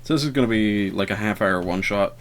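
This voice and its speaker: A low-voiced let's player gives casual gameplay commentary at a brisk clip. He rambles and hesitates, leaning on lots of fillers, and his humor is self-deprecating and wry.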